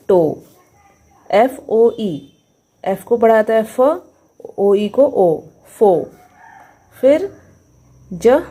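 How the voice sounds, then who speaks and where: A woman with an Indian accent teaching English reading, spelling out letters slowly and blending them into words. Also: a little high, warm tone. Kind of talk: phonics lesson.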